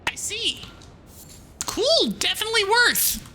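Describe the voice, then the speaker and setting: Bright, high-pitched cute anime-style woman streamer. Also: very animated, slow pace, slight background noise. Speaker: streamer, VTuber. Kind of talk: livestream game commentary, chatting to viewers.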